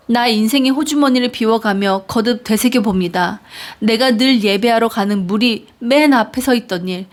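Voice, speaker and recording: A woman reads scripture aloud in a slightly high voice. Her delivery is slow, earnest and measured. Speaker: Bible reader. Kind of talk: scripture reading.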